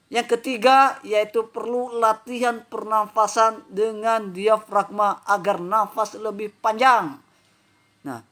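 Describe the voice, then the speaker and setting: A man with a high, sharp-toned voice teaches a vocal music lesson to pupils in an online class. He is chatty and sprinkles his talk with little fillers like "nah" and "ya."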